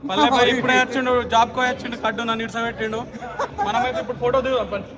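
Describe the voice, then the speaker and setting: A man's voice: very high-pitched, level tone, rapid-fire. A young man, chatting and teasing friends and family while vlogging at a busy family function on a handheld camera. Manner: chatty, teasing, greets everyone in passing. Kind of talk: casual vlog chat with friends and family. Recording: chattering crowd behind.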